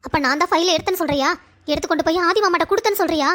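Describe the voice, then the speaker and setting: A woman's voice: extremely high pitch, very fast, background noise. A woman voicing a spiteful young woman in a cartoon drama, speaking in a sarcastic, accusing way.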